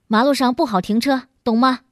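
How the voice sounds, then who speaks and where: A woman voicing a rude, greedy male city taxi driver who talks gruffly and curtly. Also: fairly high pitch, steady tone, fairly quick, no echo, studio quality, lightly acted. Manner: gruff and curt.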